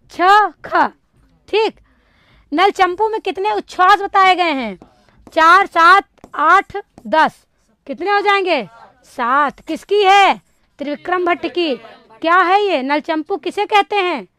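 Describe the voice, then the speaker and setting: Female Sanskrit tutor, high pitched, dry recording; runs through past exam questions with a quizzing lilt. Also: fairly bright tone, no room sound. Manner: quizzing tone, reads options aloud then answers them. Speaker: Sanskrit teacher. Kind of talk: exam-prep lecture solving past papers.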